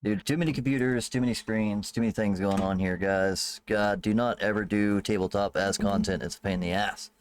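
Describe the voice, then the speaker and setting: Low-voiced man GM, relaxed, profane, chatty. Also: brisk, hardly any pauses, a little hiss or hum. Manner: loose, swearing, laughing asides. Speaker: game master. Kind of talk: casual tabletop game narration.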